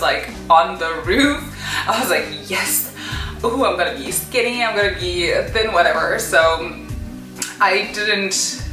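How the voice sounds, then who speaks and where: This vlogger, a young woman from Zimbabwe, speaks with a lowish, sharp-toned voice that sounds reverberant. Chatting through her story, she leans heavily on fillers and frequent "kind of"s.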